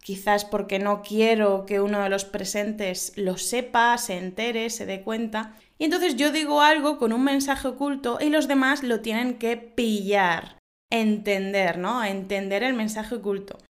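A woman hosts a podcast lesson, reading out wordplay jokes and then explaining them. She giggles at her own jokes and jumps her pitch up to act out the characters in each joke. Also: fairly even intonation, a little slow. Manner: acts out joke voices with big pitch jumps. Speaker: Spanish teacher and podcast host.

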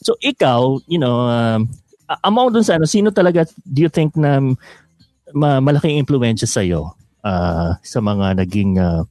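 A man's voice: mid-range voice, expressive, a little slow, darkish tone, no room sound, clean studio sound, soft background music. A male host in a casual interview, chatty and laughing often as he reads out viewer questions.

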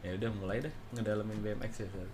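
A man's voice: lowish voice, fairly even intonation, very fast, a little mellow, a little hiss or hum. A man with an Indonesian accent, a guest telling stories casually and jokily in slang with English phrases mixed in. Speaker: guest, former BMX rider. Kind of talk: casual podcast chat, storytelling.

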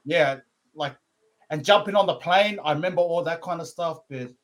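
A man's voice: on the high side, normal speed, fairly bright tone. A man from Brisbane, chatting informally as a podcast guest, using brotherly slang and "eh" tags. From Brisbane, Australia, born in New Zealand. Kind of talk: casual interview chat.

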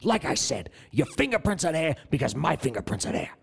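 A man's voice: on the high side, big pitch swings, fairly quick, creaky, breathy edge. A man co-hosting a podcast, doing an improvised comedy bit with rambling, mock-menacing tough-guy talk. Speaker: podcast co-host.

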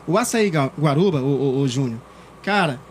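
A man from Piauí, co-hosting a casual show and doing sponsor plugs in a slangy, animated way. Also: a little high, moderate pace, a little hiss or hum. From Piauí, Brazil. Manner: animated, repeats himself, slangy. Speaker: co-host.

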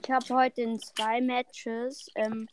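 A young guest with a slightly high voice who talks in a hesitant, stop-and-start way. Clear background noise runs under her words. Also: little pitch movement, slow. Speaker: podcast guest. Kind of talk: casual gaming chat.

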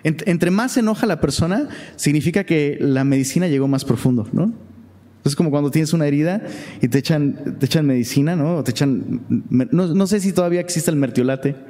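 A man's voice: fairly high pitch, brisk, warm tone, big-room sound. A man with a Mexican accent teaching a Bible study in a chatty, conversational way, often checking in with rhetorical questions.

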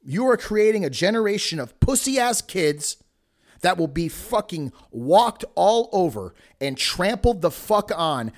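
A man with a somewhat high voice delivers a motivational speech as a show host. He is blunt and emphatic, preaching tough love directly to the listener. His talk is forceful and peppered with swearing. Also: sing-song, a little slow. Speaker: podcast host.

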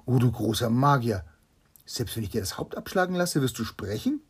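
A hot-tempered tyrant king from an old tale, suspicious and quick to anger, voiced by a man reading to a child. His voice sits low and sounds rough and breathy, with a dark, mellow tone. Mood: awed.

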